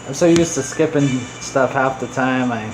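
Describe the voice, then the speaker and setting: A man with a mid-range voice talks at a moderate pace over game music, and the recording quality is low. Hosting a gaming video, he gives off-the-cuff commentary that's offhand and slightly apologetic.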